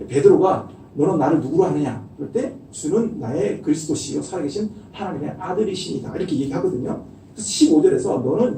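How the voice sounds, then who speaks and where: A middle-aged man preaching a sermon as pastor, animated and acting out the voices he quotes. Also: on the high side, recorded from a distance, slight background noise. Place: church sanctuary. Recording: echoey church hall miked from afar.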